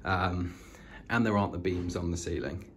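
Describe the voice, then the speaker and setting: A low-pitched British man speaks at a moderate pace, chatting informally and enthusiastically while giving a vlog tour of an old house room by room. The recording is handheld, indoors, and noisy.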